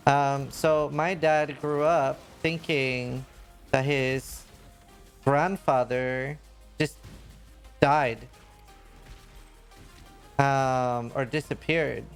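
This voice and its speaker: A man's voice: mid-range voice, fairly even intonation, extremely slow, long pauses, soft background music. A man from Norway, a game streamer rambling in casual chat, full of fillers and restarts.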